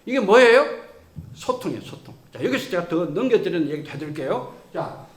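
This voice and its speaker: Male lecturer, high and animated, acting out quotes in his stories, echoey lecture room. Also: fairly quick. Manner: lively, acts out quoted people. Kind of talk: storytelling lecture.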